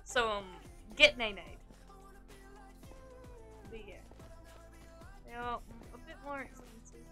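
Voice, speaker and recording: A woman's voice: a little high, slow pace, long pauses, sharp tone, faint music behind. A young woman livestreaming in a casual chat, playfully teasing her viewers and giggling often.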